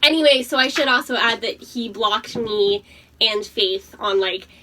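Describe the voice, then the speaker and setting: A woman's voice: mid-range voice, unhurried, bright, forceful tone. A young adult woman telling a casual, sweary personal story to friends in a giggly, drunk manner. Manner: uses profanity freely. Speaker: storytime host. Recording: distant mic, faint background noise.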